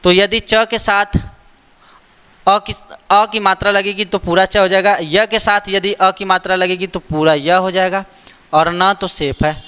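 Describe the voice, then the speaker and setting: A man's voice: high voice, steady tone, unhurried, sharp tone, smooth, in a large hall. A man teaching a grammar lesson, repeating the rules and asking rhetorical questions to check that students follow. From India.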